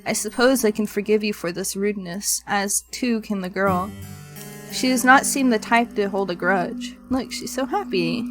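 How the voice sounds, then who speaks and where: A woman's voice: mid-range voice, normal speed, over music. A woman streamer reading a visual novel aloud in literary narration, with playful casual asides.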